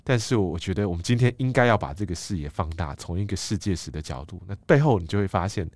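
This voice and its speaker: Man, middle-aged, Taiwanese Mandarin accent, low voice, dry close sound, measured explanatory guest, many "ah" fillers. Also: expressive, dry recording. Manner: measured, thoughtful, frequent "ah" fillers. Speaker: guest, book editor-in-chief. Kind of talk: explanatory interview talk.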